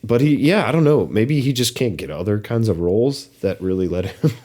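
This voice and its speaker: A young adult man co-hosting a podcast, talking casually about a movie with many pauses, fillers and restarts. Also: fairly low pitch, animated, darkish tone. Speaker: podcast co-host.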